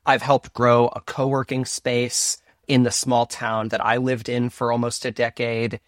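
A man in his thirties, a podcast guest who talks in an animated, self-deprecating, rambling way. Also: medium pitch, measured pace, no room sound, studio quality. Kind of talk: casual interview chat.

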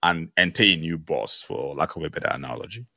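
A man's voice: a bass voice, animated, fairly quick, bright, forceful tone, dry recording, studio quality. A man hosting a conversational interview, thinking aloud reflectively with frequent restarts. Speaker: podcast host.

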